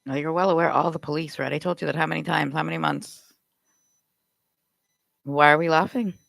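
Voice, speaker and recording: A woman's voice: deep voice, fairly even intonation, fairly quick, creaky, a bit bright, no room sound, poor audio. A Canadian woman live streaming, firing off accusatory rhetorical questions in a confrontational rant.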